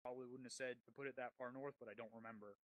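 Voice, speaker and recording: A man's voice: mid-range voice, level tone, rapid-fire, no room sound, phone-quality sound. A man leading a military-roleplay debrief as unit commander, speaking bluntly and swearing heavily over game voice chat.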